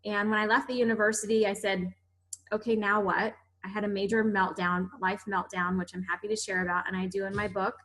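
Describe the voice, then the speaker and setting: Female guest, author, upbeat and explanatory, bright clear tone. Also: medium pitch, little pitch movement, brisk, rough recording. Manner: upbeat, explanatory, some restarts. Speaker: author and money coach guest. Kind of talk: casual interview chat.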